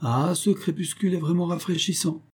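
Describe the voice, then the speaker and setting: A man voicing a smooth, possessive male king of the underworld who coaxes and boasts, in a storybook reading. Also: on the high side, fairly quick, pitched above the performer's own voice. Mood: boastful. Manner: coaxing, boastful, persuasive.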